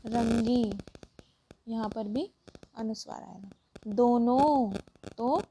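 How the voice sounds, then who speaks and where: A woman with a high voice walks children through a worksheet lesson. She explains patiently and step by step, pausing on each example. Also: dark tone. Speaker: teacher.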